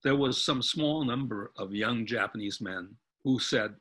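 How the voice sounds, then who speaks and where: An American man in his eighties giving a history talk, walking through photographs in an earnest, halting way with frequent restarts. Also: mid-range voice, bright, forceful tone, husky. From United States. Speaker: guest speaker.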